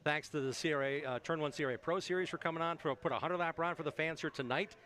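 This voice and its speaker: Fast, bright male racetrack commentator. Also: fairly high pitch. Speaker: race broadcast commentator. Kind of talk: conversational sports commentary.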